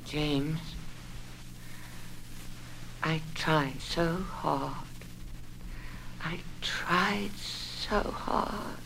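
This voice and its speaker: A woman's voice: lowish voice, animated, moderate pace, fairly bright tone, a little hiss or hum, rough recording. An anxious, rambling mother. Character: nervous, fragile middle-aged mother. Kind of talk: 1960s film acting.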